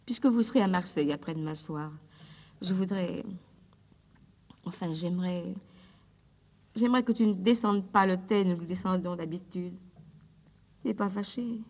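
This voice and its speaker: A woman's voice: on the low side, moderate pace, long pauses, a little mellow, long reverb tail. An actress playing a desperate, fragile woman who pleads on the telephone with the lover who is leaving her, in a 1950s recorded drama monologue. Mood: pleading. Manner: intimate, pleading, emotionally fragile.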